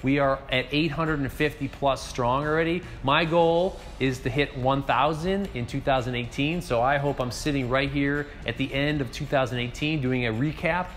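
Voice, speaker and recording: Seated before a mid-distance camera in his empty bar, a man in his forties from northeast Ohio talks straight to it, cheerfully and casually recapping his restaurant's year while moving his hands. His medium-pitched voice sounds a bit bright.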